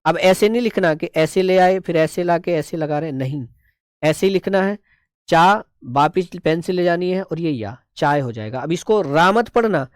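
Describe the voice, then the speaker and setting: A man's voice: fairly high pitch, expressive, moderate pace, clean tone, dry recording, studio quality. A man teaching a shorthand class, explaining each stroke step by step and checking in often. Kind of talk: online class lesson.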